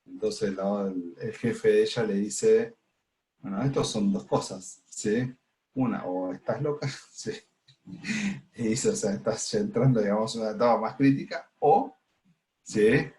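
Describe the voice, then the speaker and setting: A man's voice: on the low side, measured pace, a little mellow. A man with an Argentine Spanish accent leading an informal spiritual study lesson, explaining at length and checking in with his listeners constantly. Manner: explains with frequent "¿sí?" check-ins and "digamos" fillers. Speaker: spiritual study group leader.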